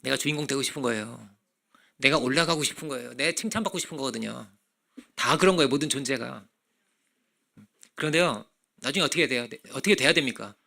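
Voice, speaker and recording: A man's voice: medium pitch, fast talker, creaky, pauses often. A male pastor preaching a sermon in a conversational way, asking many rhetorical questions. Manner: acts out children's voices in animated bursts.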